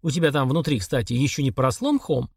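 A man reading an audiobook, voicing a cold, sadistic husband who talks calmly and sarcastically. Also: mid-range voice, fast talker, gravelly, husky, no echo, studio quality. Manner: calm, flat, sarcastic.

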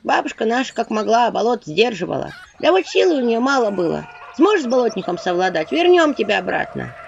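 A woman's voice: fairly high pitch, sing-song, a little fast, gravelly, voice pushed up. A woman voicing a group of weary little imps who talk in a sighing, folksy way. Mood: resigned. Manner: sighing, matter-of-fact, folksy. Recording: dull audio with faint noise.

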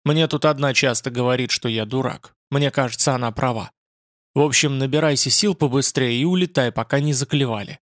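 Sex: man. Figure: gruff proud loner read by a man. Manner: blunt. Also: medium pitch, brisk, dry recording, clean studio sound, close to an everyday voice. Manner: blunt, curt, dismissive.

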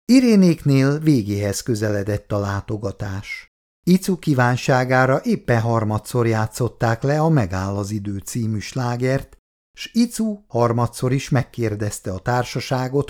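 Expressive male audiobook narrator. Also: medium pitch. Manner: expressive storytelling. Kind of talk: audiobook reading.

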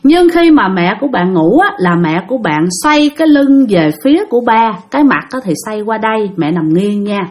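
A woman's voice: medium pitch, sing-song, moderate pace, few pauses, a little mellow. A young woman telling a ghost story in a chatty way, talking straight to her listeners. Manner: chatty, addresses listeners directly.

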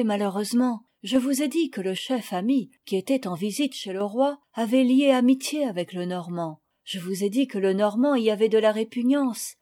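A woman reading a children's novel aloud, with calm, measured storytelling that rises in dramatic moments. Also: a little high. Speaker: audiobook reader. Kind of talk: scripted narration.

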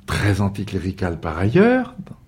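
A man's voice: sits low, huge pitch swings, normal speed, a little mellow, husky. A historian interviewed for a documentary, a man explaining patiently with some fillers.

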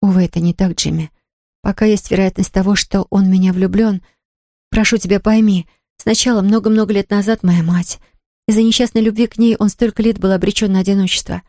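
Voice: mid-range voice, fairly even intonation, fairly quick, dark tone, no room sound, studio quality, lightly acted. A reader doing a tearful young woman in love. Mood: pleading. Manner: pleading, tearful outbursts.

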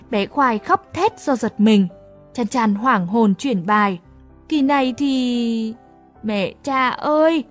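A woman narrating a first-person story in a lively, exasperated comic tone. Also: high voice. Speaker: audiobook narrator.

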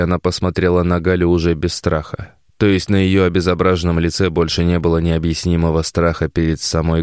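A man reading a novel aloud in a measured, dramatic way. His voice is very deep, and the sound is dry and close, with no room around it. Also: darkish tone, clear, resonant tone, dry recording. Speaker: audiobook narrator. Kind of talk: scripted narration.

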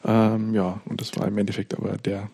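A man's voice: on the low side, level tone, brisk, vocal fry, warm tone, breathy edge. A man co-hosting a casual podcast, rambling and restarting sentences in a nostalgic, chatty way. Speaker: podcast co-host. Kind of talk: casual chat.

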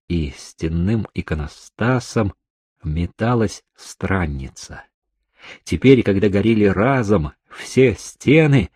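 A man reading an adventure novel aloud as an audiobook narrator, dramatic and expressive, voicing the characters' cries with a raised voice. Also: lowish voice, breathy edge, no room sound.

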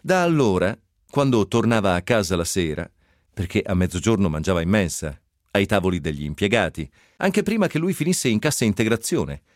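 A man giving an expressive reading of a novel excerpt on radio, with dry ironic asides. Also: lowish voice, brisk, dry recording. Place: radio studio.

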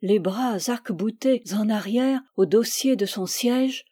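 A woman narrating a classic French short story in a measured, expressive reading. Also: a little high, dry recording, studio quality. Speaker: reader. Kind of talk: literary audiobook narration.

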